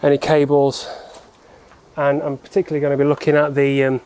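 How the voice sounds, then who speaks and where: A man's voice: a little high, completely flat delivery, brisk, a little mellow, smooth. A man presenting a car repair vlog, explaining each step informally as he works. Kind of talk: casual hands-on how-to narration.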